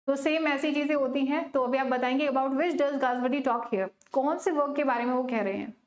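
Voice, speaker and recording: A woman with an Indian accent teaching an online exam-prep literature class, chatty and scolding, slowing down to read questions aloud. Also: high-pitched, reverberant. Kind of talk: live exam-prep class, mixing Hindi and English.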